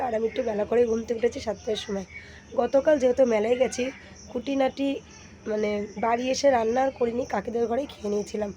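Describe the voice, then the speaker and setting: A young woman, hoarse from a sore throat, chatting to viewers in a casual home vlog. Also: on the high side. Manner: chatty, addresses viewers warmly as friends. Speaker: vlogger. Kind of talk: casual daily-life vlog narration. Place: home kitchen and courtyard.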